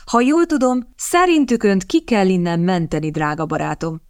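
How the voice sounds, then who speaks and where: Brief: woman reader voicing a smug aristocratic schemer, slow sardonic drawl, dry close audiobook sound. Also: mid-range voice, clean tone, dry recording, lightly acted. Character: haughty scheming lord, smooth and smug.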